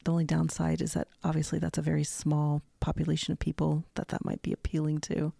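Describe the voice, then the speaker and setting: A woman's voice: low voice, monotone, quick pace, creaky, mellow, breathy edge, no echo. A woman co-hosting a podcast in casual discussion, with a dry, organizing manner. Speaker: podcast co-host, psychotherapist.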